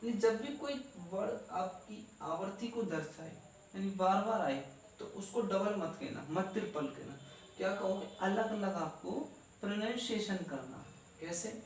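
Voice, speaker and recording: A man's voice: high voice, unhurried. A man teaching an English grammar lesson, asking questions and answering them himself and spelling out letters one by one. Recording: echoey room, voice from far off, faint noise.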